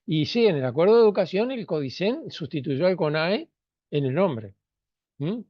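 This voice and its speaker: A man talking on a discussion panel, his voice sitting a little high. He hesitates and restarts often, filling gaps with small words. The sound is dull and dry. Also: no room sound. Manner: hesitant, many fillers and restarts. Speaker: panel speaker on history.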